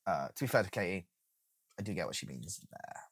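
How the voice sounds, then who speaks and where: A man's voice: low-pitched, animated, brisk, husky, no room sound, clean studio sound. A man hosting a reaction commentary video, sarcastic and incredulous, with casual swearing.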